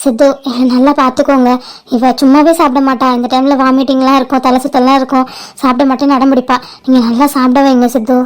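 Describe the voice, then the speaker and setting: A woman voicing an emotional, affectionate younger sister in an animated family drama. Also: sits high, fast talker. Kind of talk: cartoon drama voice acting.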